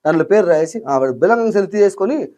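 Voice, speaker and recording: Young man, interview guest, very fast speech, agitated, acts out quoted voices. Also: sits high, animated, warm tone. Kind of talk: emotional storytelling in an interview.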